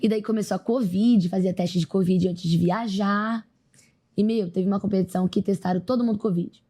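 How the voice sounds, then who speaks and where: A woman's voice: medium pitch, fairly quick. A young Brazilian woman, an athlete, animatedly retelling her story in a casual interview, acting out what others said. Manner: lively, animated retelling with quoted voices. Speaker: podcast guest, athlete.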